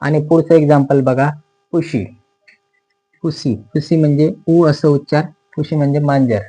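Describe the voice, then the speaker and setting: A man with a Marathi accent teaching English pronunciation in a slow explanatory lesson, repeating each word and its meaning patiently. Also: fairly high pitch, fairly even intonation, warm tone, rough recording.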